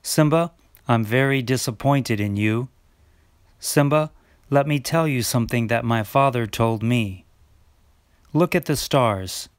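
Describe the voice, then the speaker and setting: A man playing a stern, wise lion king in an amateur stage play, speaking gravely and earnestly. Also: mid-range voice, unhurried, long pauses, no room sound, studio quality, natural voice. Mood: solemn.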